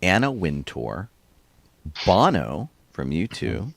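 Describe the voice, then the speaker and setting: A man's voice: low-pitched, huge pitch swings, slow, creaky, a bit bright, no room sound. A man co-hosting a podcast, chatting casually and telling rambling stories with small chuckles. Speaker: podcast co-host. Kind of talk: casual chat.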